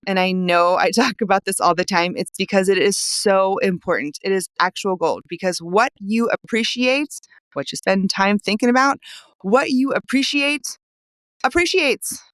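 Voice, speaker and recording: A woman's voice: mid-range voice, normal speed, fairly bright tone, clean tone, no room sound, rough recording. Upbeat woman life coach podcasting. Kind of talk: solo motivational podcast.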